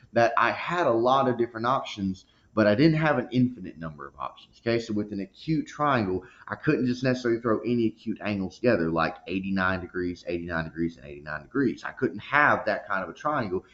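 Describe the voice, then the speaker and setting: A man with a fairly low, fairly bright voice teaches a recorded math lesson, walking through each step and often checking in with "okay?". The recording is dull and lo-fi.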